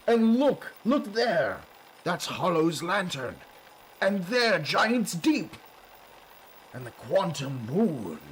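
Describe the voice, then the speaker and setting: A man voicing a pompous, excitable noble astronomer in a theatrical, improvised character voice during a game stream. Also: on the high side, a little hiss or hum, pitched above the performer's own voice, heavily acted, low-quality recording.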